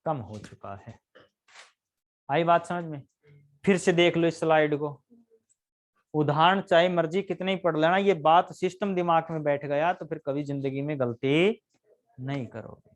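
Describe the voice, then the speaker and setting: A man's voice: on the high side, a little slow, long pauses. A man teaching a live grammar lesson, constantly quizzing his students with questions and answering them himself.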